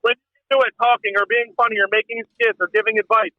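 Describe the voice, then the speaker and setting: Fast-talking high-voiced joking man. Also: flat delivery, no room sound, phone-quality sound. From Pennsylvania. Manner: rambling, profane, joking storyteller. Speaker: podcast guest. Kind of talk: casual chat.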